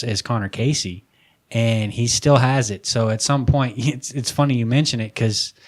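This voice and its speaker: A man co-hosting a podcast, chatting casually about soccer, opinionated and excitable, swearing now and then. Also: mid-range voice. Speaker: podcast co-host. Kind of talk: casual sports chat.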